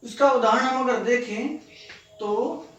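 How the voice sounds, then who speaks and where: A man teaching children, carefully pronouncing and repeating single sounds in a slow, deliberate classroom manner. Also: extremely high pitch, fairly bright tone. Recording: echoey room, voice from a distance.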